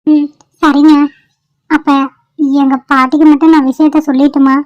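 A woman voicing a gentle, anxious young college woman in an amateur cartoon, speaking softly and apologetically. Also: high-pitched, level tone, normal speed, no room sound, muffled recording, close to an everyday voice. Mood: worried. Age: young adult. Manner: soft, polite, apologetic.

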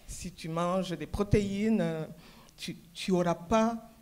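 A middle-aged woman from Rwanda, a professor speaking on a conference panel into a handheld mic, with measured, reflective storytelling. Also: lowish voice, darkish tone. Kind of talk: panel conversation. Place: conference stage.

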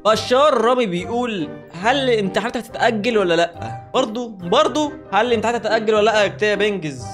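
A man's voice: high-pitched, lively intonation. A young man with an Egyptian Arabic accent, joking his way through follower questions in a casual vlog, with music playing behind him. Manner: joking, rapid-fire banter, reading questions aloud. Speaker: YouTuber answering follower questions. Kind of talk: casual comedic vlog chat.

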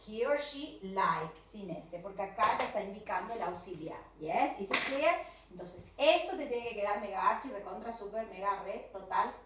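A bright, lively woman's voice with a Rioplatense Spanish accent, teaching English to small children at a slow, patient pace. She stretches out each model sentence and keeps checking that they follow. The sound is very echoey, picked up by a camera some way from her in the classroom. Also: mid-range voice, far from the mic, a little hiss or hum. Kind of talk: recorded video lesson for young children. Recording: echoey room, voice from off the mic.

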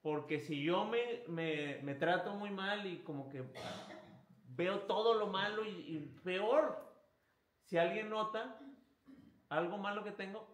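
A man giving a spiritual retreat talk as a priest, animated, acting out inner voices and chuckling at himself. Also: sits high, takes it slowly, echoey room.

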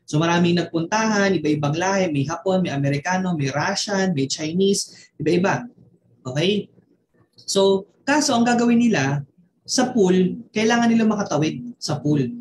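A man's voice: sits high, normal speed, roomy sound, slight background noise. A man with a Filipino accent, a network marketing mentor giving a motivational online training, telling a story and tossing constant tag questions to his listeners.

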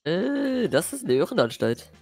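A carefree, teasing professor played by a woman in a Minecraft role-play. The voice creaks and swoops wildly up and down, with light music behind it. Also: lowish voice, sing-song, a little slow, a little mellow, full character voice. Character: Professor Popel, carefree, teasing grown-up companion.

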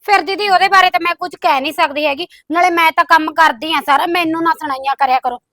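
Brief: woman as a complaining young sister-in-law, very high bright voice. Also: quick pace, no room sound, clean studio sound. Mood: defensive. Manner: complaining, protests that she does all the work. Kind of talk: comedy skit acting.

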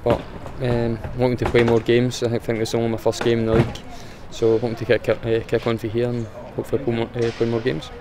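Scottish footballer, flat plain delivery. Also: male voice, mid-range voice, fast talker, hardly any pauses, noisy background. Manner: plain, matter-of-fact, restarts with fillers. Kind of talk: post-match interview. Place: outdoors in front of a sponsor board.

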